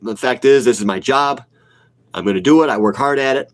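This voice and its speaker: Sniffling from a cold, a blunt man of about forty hosts a casual livestream and replies to viewer comments. He talks fairly quickly at a medium pitch. He's a retail investor with strong opinions who repeats himself for emphasis.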